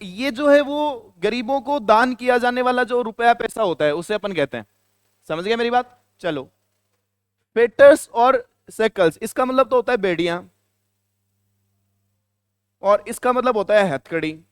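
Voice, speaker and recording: High, clear-voiced male teacher. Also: unhurried, pauses often, no echo, studio quality. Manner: questions the students and answers himself, repeating key words. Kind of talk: classroom lecture.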